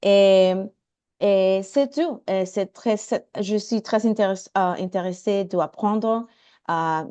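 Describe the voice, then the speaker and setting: Mexican lady w spanish accent, slow n mellow, kinda halting second language, apologizing, introducing herself on a call. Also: fairly low pitch, smooth. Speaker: networking meeting participant introducing herself. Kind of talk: informal self-introduction at an online meeting. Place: indoors, video call.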